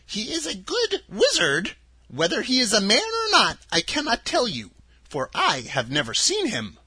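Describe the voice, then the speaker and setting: A storyteller voicing a kindly little old female witch in a high, gentle, lilting voice for a storybook reading. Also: huge pitch swings, moderate pace, breathy edge, no echo, full character voice.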